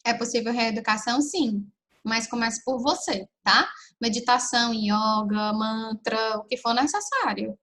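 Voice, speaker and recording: A woman's voice: a little high, measured pace, a bit bright. A woman hosting a casual live stream, chatting and giving parenting advice straight to her viewers. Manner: chatty and advice-giving, often addresses listeners directly. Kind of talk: casual live chat answering viewer questions.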